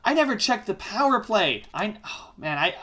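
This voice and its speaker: A man giving casual let's-play commentary, rambling and exasperated, often correcting himself as he talks fast. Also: sits high, very animated, bright, forceful tone. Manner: fast-talking. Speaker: gaming YouTuber.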